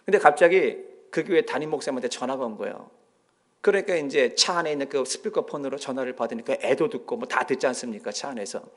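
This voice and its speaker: In a church sanctuary, a man preaching as pastor speaks quickly in a mid-range voice. His storytelling is animated, and he performs the quoted voices of the characters he describes.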